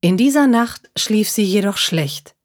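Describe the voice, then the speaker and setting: A woman reading a children's story aloud, calmly and clearly. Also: mid-range voice, measured pace. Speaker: reader of children's stories. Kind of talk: slow storybook narration for children.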